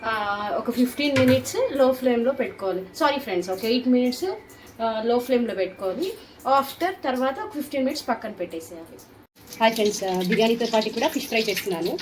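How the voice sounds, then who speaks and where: A woman's voice: fairly high pitch, lively intonation, fast talker. A woman cooking on camera, chatting to her viewers as she explains each step. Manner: chatty, addresses viewers as friends. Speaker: cooking vlogger. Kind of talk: casual cooking demo. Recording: noisy home recording.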